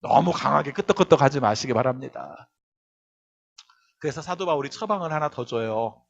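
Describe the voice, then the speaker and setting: Lively male pastor preaching. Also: mid-range voice, normal speed, gravelly, highs cut off. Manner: animated preaching, acts out quoted voices, keeps checking in with the congregation. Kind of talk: sermon.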